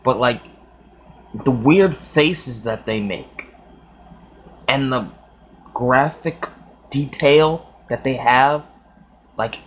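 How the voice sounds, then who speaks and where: A man's voice: medium pitch, very slow, long pauses, fairly bright tone, a little hiss or hum. A young man rambling hesitantly in a casual reaction commentary, with many fillers and restarts. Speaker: reaction video host.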